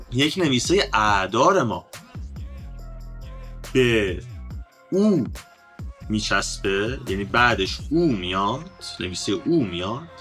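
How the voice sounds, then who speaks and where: A man teaching an online lesson on an ancient script, explaining in a lively way, addressing viewers as friends and drawing out each letter sound. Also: medium pitch.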